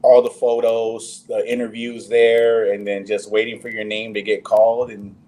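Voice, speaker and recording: A man's voice: on the low side, flat delivery, normal speed, darkish tone. A man, an actor guest in a casual interview, talking loosely with many fillers and restarts.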